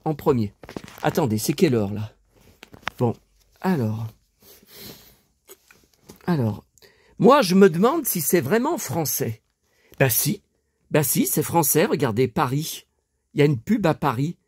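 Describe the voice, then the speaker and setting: A man's voice: a little high, very animated, a little slow, long pauses, slightly rough, dry recording, clean studio sound. A man in his fifties, stuffy from a lingering cold, rambling to his viewers with lots of hesitations and restarts. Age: 50s. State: dry mouth. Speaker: collector vlogger. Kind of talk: rambling casual monologue to viewers.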